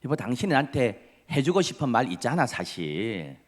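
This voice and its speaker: Guy doing a playful middle-aged church lady teasing her hubby, bouncy lively voice. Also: medium pitch, normal speed. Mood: coaxing.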